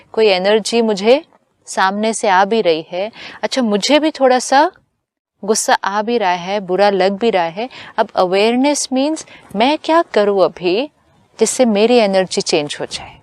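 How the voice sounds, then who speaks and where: A woman giving a calm spiritual talk in a measured teaching manner, with English phrases mixed in. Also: mid-range voice, dry recording.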